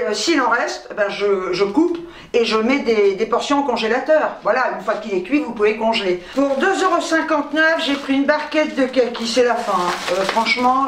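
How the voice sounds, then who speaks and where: A woman's voice: a little high, far from the mic, a little hiss or hum. A woman chatting bluntly through her grocery haul, swearing freely and laughing at herself. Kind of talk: casual grocery haul chat. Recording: roomy echo, speaking from away from the mic.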